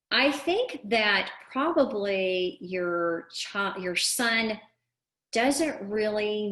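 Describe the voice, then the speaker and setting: A middle-aged woman coaches parents in a live online class, her voice on the low side and a bit bright. She's earnest and emphatic, repeating words for stress, in an echoey room.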